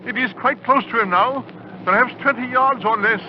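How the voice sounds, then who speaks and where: An actor playing a horrified scholarly eyewitness in a 1940s radio horror drama, formal and dramatic, halting with dread. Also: male voice, very high voice. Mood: tense awe. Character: horrified scholarly male eyewitness reporting on a monster. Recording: muffled, noisy 1940s radio recording.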